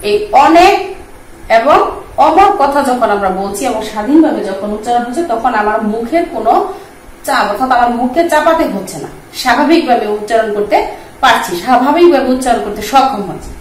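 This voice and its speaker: A woman, teaching pronunciation, patiently repeating words slowly for her students. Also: fairly high pitch, distant mic, a little hiss or hum. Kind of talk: explaining Bengali pronunciation lesson. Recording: echoey room, voice from off-mic.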